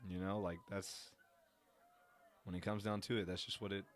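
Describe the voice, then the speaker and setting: A man hosting a live watch-along podcast, giving chatty, excited commentary and talking to his listeners. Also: low-pitched, moderate pace. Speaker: podcast host.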